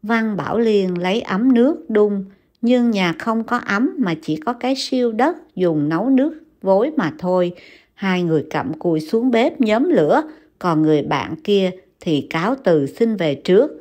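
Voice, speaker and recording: A woman narrator reading a classic novel aloud in a calm, measured storytelling voice. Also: mid-range voice. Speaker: audiobook narrator.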